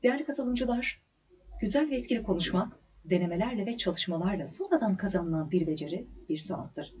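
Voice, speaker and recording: A woman diction instructor giving a scripted lecture, with clear, measured delivery, deliberate stresses and pauses. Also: mid-range voice, lively intonation, darkish tone, a little hiss or hum. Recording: slightly dull lo-fi recording.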